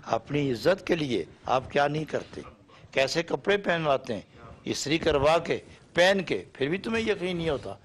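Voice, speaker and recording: A man from Pakistan delivering a sermon lesson in a slightly high voice. He builds long chanting runs of short parallel phrases, then lifts into pointed rhetorical questions. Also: sing-song. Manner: rhythmic, repetitive lists of short phrases; emphatic rising questions. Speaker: Sufi preacher.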